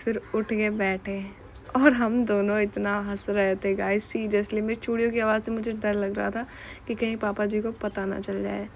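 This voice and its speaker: A woman's voice: mid-range voice, flat delivery, moderate pace, slight background noise. A young woman narrating a casual home vlog, telling a story in a chatty, giggly way. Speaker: vlogger.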